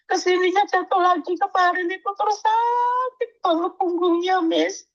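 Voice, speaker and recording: A woman's voice: extremely high pitch, fairly even intonation, moderate pace, highs cut off. A woman migrant worker calling in, in pain and crying, speaking plaintively and politely. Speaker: caller, migrant domestic worker.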